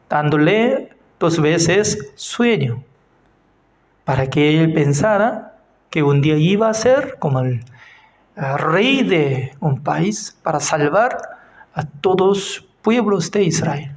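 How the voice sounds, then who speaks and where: A pastor teaching a bible class, speaking haltingly and searching for words, growing animated as he retells stories. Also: sits high.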